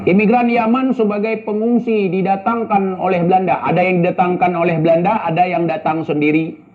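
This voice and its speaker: A man talks in a high voice, answering viewer questions in casual commentary. He is blunt and scolding and keeps firing rhetorical questions. The audio is thin and tinny, like a phone line. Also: steady tone, a little fast.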